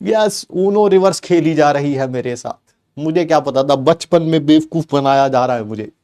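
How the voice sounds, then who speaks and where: A middle-aged man from India, a teacher telling a lively personal story to his students, mixing in English phrases. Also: a little high, normal speed. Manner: animated, mixes English phrases, acts out family members' lines.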